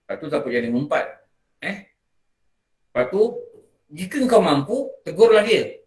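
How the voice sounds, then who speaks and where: A religious teacher with a Malaysian Malay accent gives a morning lecture in a prayer hall, speaking conversationally and frequently asking his listeners questions. His voice is on the high side, very animated and a little mellow, at a normal speed.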